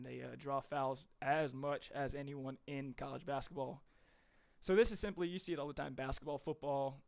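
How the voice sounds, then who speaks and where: Male sports tipster on a live stream, gravelly midrange voice, loose and rambling, a bit winded. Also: medium pitch. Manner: casual, rambling, filler-heavy. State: out of breath. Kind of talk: live stream betting analysis.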